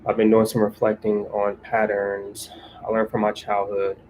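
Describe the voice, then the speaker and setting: A laid-back man from California chats casually on a livestream, answering viewer comments in relaxed, slangy talk. His voice sits fairly low and stays level, with little rise or fall. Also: normal speed, a little hiss or hum, rough recording. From California, USA.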